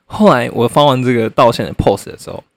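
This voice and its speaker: A young man, hosting a podcast and telling a story in a blunt, animated way, swearing and laughing often. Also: medium pitch, fast, gravelly. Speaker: podcast host. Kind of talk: casual storytelling monologue.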